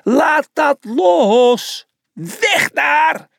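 A narrator voicing a bossy male zebra leader in a children's storybook, shouting and exasperated. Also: very high-pitched, big pitch swings, slow, no echo, clean studio sound, voice pushed up, full character voice. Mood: yelling.

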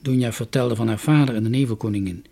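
A man reading a children's story aloud with expressive, lilting delivery. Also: mid-range voice, quick pace, creaky, breathy edge.

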